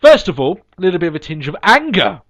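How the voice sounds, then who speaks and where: Very animated and fast, this man's high-pitched voice is a bit bright despite the cold making him sniffle. He hosts a podcast in a casual, upbeat, rambling style packed with ums and restarts, recorded in dull lo-fi sound.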